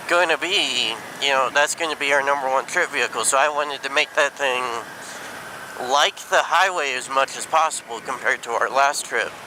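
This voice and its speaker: A man talking casually and haltingly inside a helmet while riding a motorcycle, thinking aloud like a vlogger. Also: medium pitch, sharp tone, rough recording. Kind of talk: casual rambling motovlog talk. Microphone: mic inside helmet. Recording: helmet mic, clear road and engine noise.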